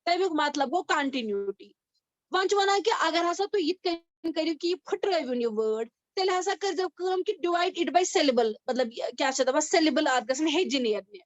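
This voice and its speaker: High-voiced woman teaching online. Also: lively intonation, no room sound. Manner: explains slowly, mixing English terms into Hindi and switching to Kashmiri. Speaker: school English teacher. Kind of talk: online class lesson. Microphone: video call. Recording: dull, dry video-call audio.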